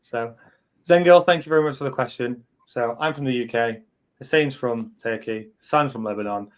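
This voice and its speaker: With a clear, resonant, medium-pitched voice at normal speed, the English company head in his thirties runs a casual live chat for his community. He rambles and speaks bluntly, dropping in frequent fillers and swear words.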